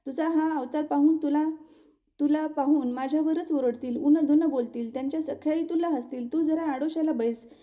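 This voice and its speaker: A woman's voice: high voice, steady tone, normal speed, lightly acted. A woman voicing a nervous young palace maid who talks in an anxious, questioning way. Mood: wary. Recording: dull lo-fi recording.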